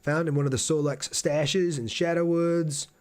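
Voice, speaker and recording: A man livestreams a video game, casually chatting with viewers, answering chat and thinking out loud as he plays. His voice is on the high side and a little mellow, with fairly even intonation at a moderate pace.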